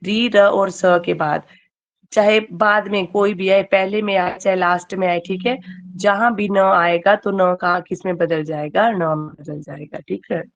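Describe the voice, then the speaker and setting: A woman's voice: medium pitch, steady tone, a little slow, lo-fi sound. A woman teacher giving an online grammar class. She keeps quizzing her students and checks in with "okay" as she goes.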